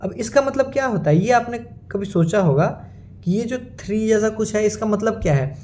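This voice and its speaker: A man's voice: sits high, animated, moderate pace, darkish tone. A man teaching a lecture in a classroom style, asking his students questions and answering them himself. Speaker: Sanskrit teacher.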